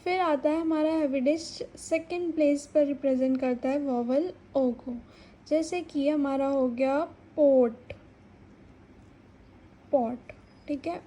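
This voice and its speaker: A woman's voice: sits high, steady tone, measured pace, mellow, poor audio. A young woman teaching a shorthand lesson, patiently repeating words to sound out each vowel. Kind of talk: explaining a stenography lesson.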